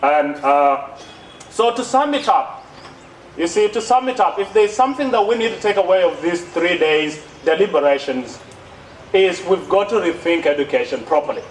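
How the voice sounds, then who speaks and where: Speaking in a high-pitched, expressive voice at normal speed, a young man with an East African accent, born in South Sudan and raised in Kenya, makes an emphatic advocacy speech as a youth speaker at a conference plenary, repeating phrases and posing rhetorical questions. He's at a podium on an outdoor stage under trees, and the thin gooseneck mic gives a distant, echoey sound with background noise.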